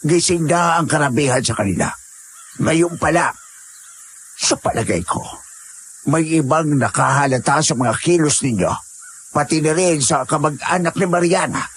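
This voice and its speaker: Man voicing a cranky old uncle type, stern and bossy, higher voice, horror audio drama. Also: moderate pace, long pauses, slight background noise, close to an everyday voice. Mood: grave. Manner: gruff, scolding, urgent. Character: stern old village elder, scolding but caring.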